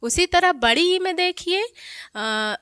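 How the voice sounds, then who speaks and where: A young woman with a Hindi accent, teaching children with slow, clearly enunciated speech and repeating each word for them to echo. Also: very high voice, expressive, a bit bright, studio quality. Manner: drawn-out spelled sounds, repeats words for children to echo.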